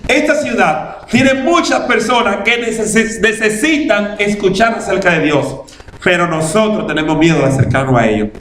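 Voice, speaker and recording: A man's voice: high-pitched, normal speed. A man pastor, preaching a storytelling sermon in a church and acting out past conversations. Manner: animated, laughing testimony, acting out past conversations. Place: church in Massachusetts. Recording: echoey church hall, faint room ambience.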